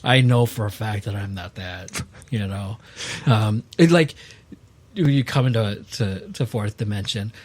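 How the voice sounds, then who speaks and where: A young man co-hosting a casual podcast, emphatic and quick to laugh. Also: on the low side. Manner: animated, laughs often, emphatic. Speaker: podcast co-host.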